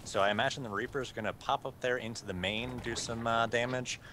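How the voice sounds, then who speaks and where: A man in the middle of a pitch range gives live game commentary in an easygoing, chuckling way, leaving lots of "uh"s as he thinks. Steady hiss and hum sit under his voice on a noisy home mic. He sounds like a regular co-caster talking it through. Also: a little fast. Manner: relaxed, chuckling, thinks aloud with many fillers. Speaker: esports caster.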